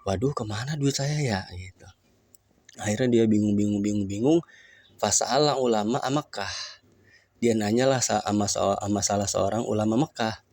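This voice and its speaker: A man's voice: lowish voice, moderate pace, pauses often, darkish tone, dry recording. A man, a preacher telling a religious story in a casual way, reciting Arabic phrases and then explaining them.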